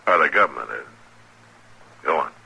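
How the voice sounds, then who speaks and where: A man's voice: a bass voice, animated, normal speed, vocal fry, pushed and bright, slightly rough, exaggerated voice. A man playing a stern, shrewd marshal of the Old West, terse and dry in old-time radio style. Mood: dry, probing. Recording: noisy old radio broadcast recording.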